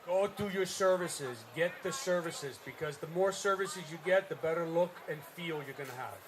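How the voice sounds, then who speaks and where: A man's voice: fairly high pitch, normal speed, a crowd in the background, low-quality recording. A man who models and wears a hairpiece, giving short advice and repeating it for emphasis. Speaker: hair-piece model and user. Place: busy trade-show floor.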